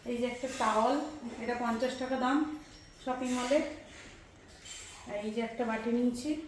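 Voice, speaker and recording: A young woman with a West Bengal Bengali accent chats through a casual home vlog, holding things up for the camera. Her voice sits a touch high. The room is echoey, with faint noise behind. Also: fairly even intonation, moderate pace. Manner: chatty, shows items to camera. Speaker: vlogger. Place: home, indoors.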